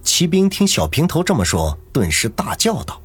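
A man's voice: fairly high pitch, huge pitch swings, moderate pace, breathy edge, no echo. A man narrating a novel as an audiobook, with dramatic storytelling. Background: faint music.

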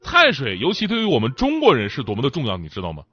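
A stand-up talk show host runs a comic monologue, chatty, joking and laughing as he goes, his speech thick and swollen-tongued from a mouth ulcer. His medium-pitched voice is fast, a bit bright and husky, with huge pitch swings. The sound is dull and lo-fi, faint music behind.

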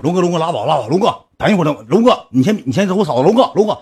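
A man voicing a burly male thug who keeps urging his boss to calm down. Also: on the high side, slightly rough, soft background music, voice pushed up, full character voice. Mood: urgent. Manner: rapid repetitive urging.

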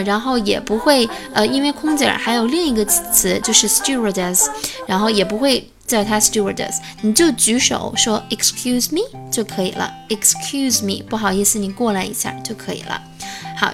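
Brief: woman English tutor, fairly high voice, patient explainer, music bed underneath. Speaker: English teacher. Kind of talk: casual spoken lesson.

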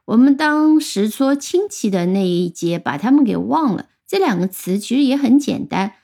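A woman with a mellow, warm voice gives an English vocabulary lesson. She explains each word patiently and spells it out letter by letter. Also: fairly high pitch, expressive, moderate pace. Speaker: English teacher.

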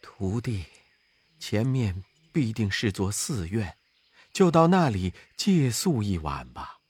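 Male storyteller as a soft, gentle monk, lowered and unhurried, in an audio tale. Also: big pitch swings, breathy edge, no room sound, full character voice. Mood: mild. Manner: quiet, mild, lowered voice. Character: gentle, soft-spoken pious monk, adult man.

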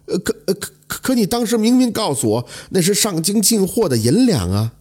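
A man voicing an honest young scholar who pleads and laments in a husky voice. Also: mid-range voice, big pitch swings, unhurried, dark tone. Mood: stunned. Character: honest young male scholar, kind and wronged.

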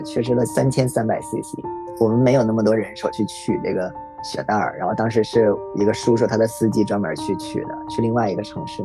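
A young man in a podcast, telling a painful personal story in a quiet, reflective way. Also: on the low side.

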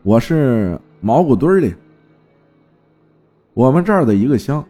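A man's voice: medium pitch, very animated, measured pace, dark tone, soft background music. A man doing a weeping old ghost woman. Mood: pleading. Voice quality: aged, hoarse, tearful.

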